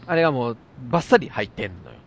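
A man with a Kansai accent telling an animated anecdote in casual chat. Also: mid-range voice, racing. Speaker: storyteller.

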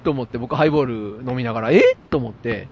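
A man with a Kansai accent telling an animated anecdote in casual chat. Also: mid-range voice, fast talker, vocal fry, breathy edge, highs cut off. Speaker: storyteller.

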